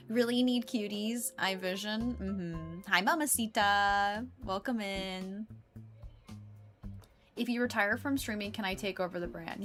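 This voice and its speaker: A woman's voice: a little high, fairly bright tone. An American woman chatting casually to viewers on a game livestream, rambling playfully from one remark to the next. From United States. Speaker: live game streamer.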